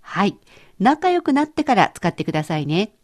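A woman's voice: medium pitch, big pitch swings, moderate pace. A woman co-hosting a scripted language lesson, explaining phrases in a conversational way. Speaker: language teacher co-host.

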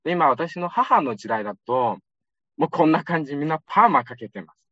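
A man's voice: on the high side, very animated, a little fast, a bit bright, no echo, lo-fi sound. A young man from Xinjiang, China, giving a chatty public lecture and often turning to his audience with asides. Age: young adult.

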